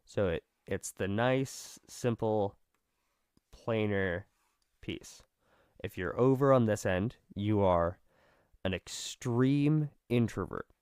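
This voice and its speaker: A man with vocal fry, just over being sick, giving a casual, rambling explanation and often correcting himself. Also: fairly low pitch, a little mellow, dry recording, clean studio sound. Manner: rambling, self-correcting, self-deprecating. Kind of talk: casual, informal explanation at a drawn diagram.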